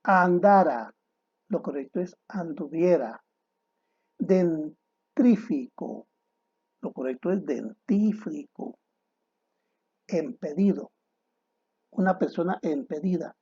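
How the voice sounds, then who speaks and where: A man teaching a grammar lesson to students, deliberate and didactic, posing rhetorical questions and then answering them. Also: fairly high pitch, expressive, darkish tone, husky, dull audio.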